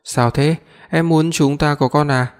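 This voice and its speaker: A man's voice: fairly high pitch, steady tone, measured pace, natural voice. A man doing a cocky, teasing young man. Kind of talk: audiobook reading. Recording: long reverb.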